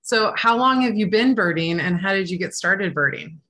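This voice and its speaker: A woman's voice: medium pitch, animated, normal speed, bright, forceful tone. A woman hosting a podcast and asking a guest questions in an encouraging, upbeat way. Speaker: podcast host. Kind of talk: casual interview questions.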